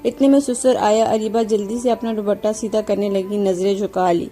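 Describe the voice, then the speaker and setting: A woman narrating a scripted moral story in a calm, even reading voice. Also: medium pitch, faint music behind.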